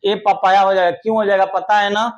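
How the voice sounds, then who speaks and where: A young man teaching English grammar to children in an online lesson, coaxing them affectionately and praising their answers loudly. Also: high voice, flat delivery, fairly quick, muffled recording.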